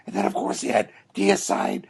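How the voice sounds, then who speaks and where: A man hosting a podcast with a hoarse voice, trading joking, profane banter in casual chat. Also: fairly low pitch, big pitch swings, moderate pace, darkish tone. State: hoarse, losing his voice. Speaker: podcast host.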